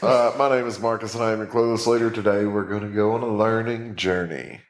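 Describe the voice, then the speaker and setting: A man's voice: lowish voice, fairly even intonation, brisk. A man hosting a podcast in a laid-back, self-mocking way, his voice echoing around a bare room that sounds like a cave. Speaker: podcast host. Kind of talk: casual chat. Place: empty room in a new house.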